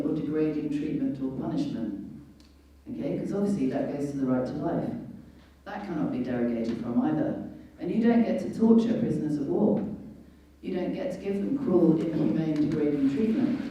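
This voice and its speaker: Speaking as a lawyer at an indoor public meeting, a woman delivers an impassioned, emphatic speech explaining legal matters. Her voice is low and mellow, picked up by a distant microphone in an echoey room.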